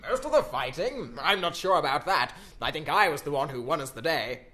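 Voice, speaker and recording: A pompous, blustering old English gentleman, played by a man, with a bright, highish voice. His old-fashioned exclamations swing widely in pitch, in comic radio drama style. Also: animated, fairly quick. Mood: jolly pompous.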